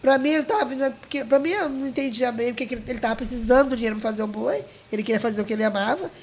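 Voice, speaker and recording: High-voiced woman. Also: rapid-fire, a little hiss or hum. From Maranhão, Brazil. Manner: heartfelt, full of restarts and quoted dialogue. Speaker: guest, leader of a folk dance group. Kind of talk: emotional storytelling.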